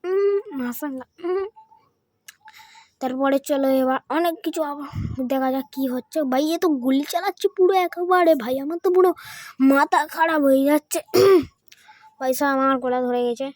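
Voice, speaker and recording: A woman doing excited gameplay commentary, dropping Hindi phrases in as she counts and clicks. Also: high voice, moderate pace, pauses often, no echo, studio quality. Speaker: gaming channel host.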